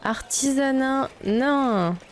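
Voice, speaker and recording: A young woman from Belgium talks extremely slowly in a high-pitched voice during a casual let's-play. As she plays the video game, she thinks aloud and swears frequently over faint game music.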